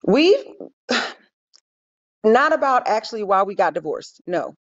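A woman's voice: medium pitch, sing-song, slow pace, dull audio. A woman calling in about her divorce, giving short, guarded answers. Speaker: caller.

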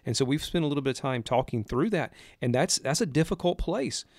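A man in ministry, talking earnestly and reflectively in a casual conversation, telling his own story of a calling with lively retellings. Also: medium pitch, brisk, dry recording, clean studio sound. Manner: earnest storytelling, animated when recalling. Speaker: podcast co-host, minister.

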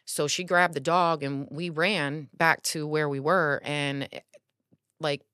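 A woman in her forties, a podcast guest, telling her story in an earnest, animated way with many filler words. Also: sits low, takes it slowly, clean tone, no room sound, studio quality. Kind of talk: casual conversational storytelling.

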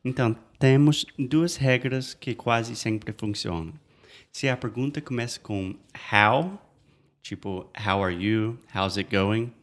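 A man's voice: mid-range voice, slow pace. Native English-speaking man teaching phrases. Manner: explains patiently, models phrases, repeats "perfect". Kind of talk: bilingual lesson chat.

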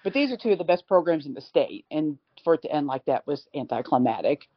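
A woman's voice: sits low, expressive, quick pace, no room sound. A woman joining a sports show as a guest reporter, chatting casually, stammering and laughing at herself. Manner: self-deprecating, stammering, laughing. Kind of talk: casual call-in chat. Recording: dull lo-fi line.

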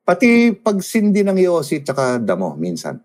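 A man on a casual chat show, telling animated backstage stories and switching between Tagalog and English. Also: mid-range voice, moderate pace.

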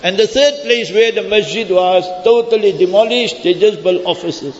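A man's voice: high-pitched, moderate pace. A man preaching informally, telling stories conversationally and addressing his listeners directly. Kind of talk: informal sermon with storytelling. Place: large echoing hall, speaking to a gathering. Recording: muffled, reverberant large hall.

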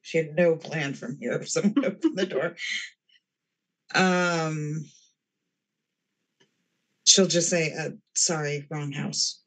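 Husky-voiced woman playing a tabletop game. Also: low voice, takes it slowly, long pauses, a bit bright, low-quality recording. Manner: casual, plainly describing her character's actions. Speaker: player. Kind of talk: tabletop role-play.

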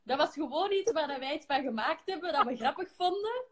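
A young woman with a Flemish accent chatting on a live stream, lively and self-mocking. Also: sits high, brisk. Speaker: pop group member hosting a live stream. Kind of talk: casual chat. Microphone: phone on a live stream.

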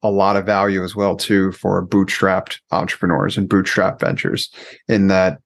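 A man's voice: sits low, fairly even intonation, normal speed, gravelly. A man hosting a podcast interview, asking questions in a loose, conversational way. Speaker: podcast host. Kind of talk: casual interview talk.

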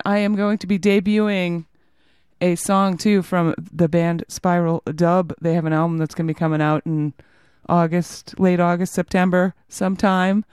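A woman's voice: fairly low pitch, darkish tone, clear, resonant tone, dry recording. A woman radio DJ chatting casually between songs, with little laughs between her lines. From United States. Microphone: studio microphone.

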